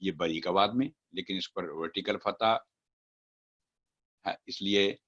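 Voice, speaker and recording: A man's voice: low-pitched, measured pace, a bit bright, dull audio. A man teaching Quran recitation, chanting example words syllable by syllable and then explaining the rules. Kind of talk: step-by-step recitation lesson.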